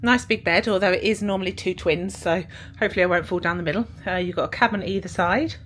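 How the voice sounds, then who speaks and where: A woman's voice: on the low side, quick pace, a bit bright, a little hiss or hum. A British woman vlogging aboard a cruise ship in a casual, rambling way with lots of fillers. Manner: chatty, rambling, many fillers. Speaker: travel vlogger. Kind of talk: casual vlog chat. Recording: clear music behind the voice. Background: music playing.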